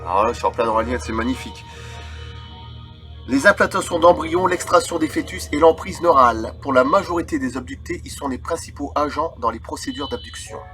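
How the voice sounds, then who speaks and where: A man in his 30s with a mid-range, fairly bright voice reads aloud from a book at a brisk clip, breaking off for casual, rambling asides as a video channel host. Eerie film music plays beneath him.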